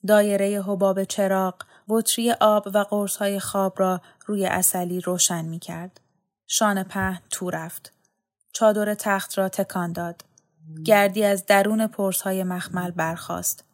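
Brief: female audiobook narrator, calm and measured, mid-pitched.

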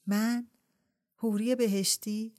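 A woman voicing a spirited, quick-tongued young bride who answers back higher and brighter than the narration.

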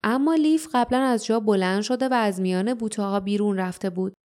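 Woman, audiobook narration, calm measured reading, mellow warm tone, mid pitch. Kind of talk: scripted narration.

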